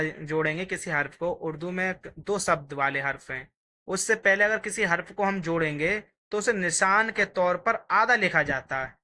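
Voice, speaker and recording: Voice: medium pitch, sharp tone. A teacher giving a patient, step-by-step Urdu writing lesson, sounding out each letter while writing it.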